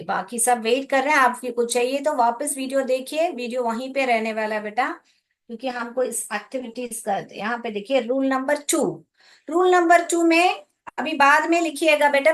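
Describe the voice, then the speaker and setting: Casting: young Indian woman teacher, high voice, patient and unhurried with her pupils. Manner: patient, explains slowly, mixes Hindi and English, calls pupils "beta". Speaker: English teacher. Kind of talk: live online class explanation.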